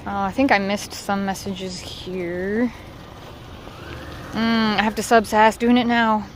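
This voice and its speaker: This woman, from Southern California in the United States, strolls outside while chatting loosely and openly on a livestream, sometimes swearing. She speaks slowly in a level, mid-range voice, and the low-quality recording has a little hiss or hum.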